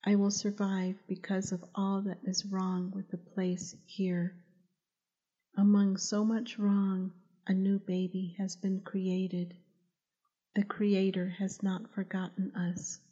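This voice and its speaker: A woman voicing a resolute, protective young male warrior in a storybook, speaking slow, solemn vows. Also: medium pitch, dark tone, lo-fi sound, close to an everyday voice.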